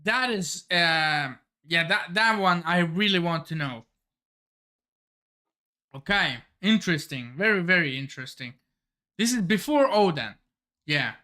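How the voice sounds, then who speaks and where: A man reacting live to a new manga chapter, his voice swinging widely as he exclaims and then trails off in thought. He takes his time, pausing and restarting while piecing things together. His tone is bright and forward. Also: a little high, animated. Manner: exclamatory, thinks aloud with restarts. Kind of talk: excited live reading reaction.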